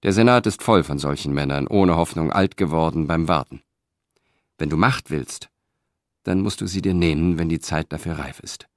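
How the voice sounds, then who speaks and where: A man's voice: very deep voice, moderate pace, no echo, studio quality. A man reading an audiobook, voicing a proud, ambitious middle-aged Roman senator who speaks with confident, declaiming force.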